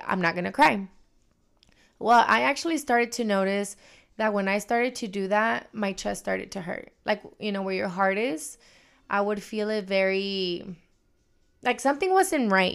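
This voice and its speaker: A woman's voice: medium pitch, vocal fry, clean tone. A woman co-hosting a podcast, telling a personal story candidly in casual chat. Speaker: podcast co-host.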